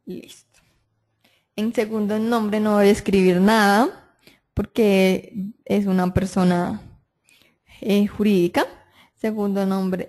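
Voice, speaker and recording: A woman explaining software data entry step by step. She keeps checking in with the listener as she goes. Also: mid-range voice. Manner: step-by-step explaining, frequent "entonces" and "listo", checks with "¿sí?". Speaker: software trainer. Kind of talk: screen-recorded software tutorial.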